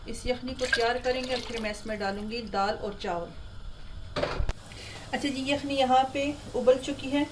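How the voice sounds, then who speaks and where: A woman's voice: a little high, normal speed. A woman, hosting a home cooking tutorial in a chatty, homely way from her kitchen. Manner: chatty, homely, relaxed explaining. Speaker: cooking channel host. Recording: clear frying and stirring noise. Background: sizzling pan and stirring.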